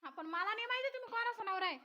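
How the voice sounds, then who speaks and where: A woman acting a sharp-tongued young village wife, scolding with quick retorts. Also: very high voice, lively intonation, no echo, studio quality, heavily acted. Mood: irritated.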